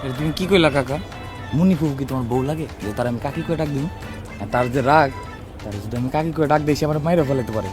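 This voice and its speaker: A man's voice: on the high side, rapid-fire, music in the background, close to an everyday voice. A man playing a cheeky young village nephew. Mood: whiny.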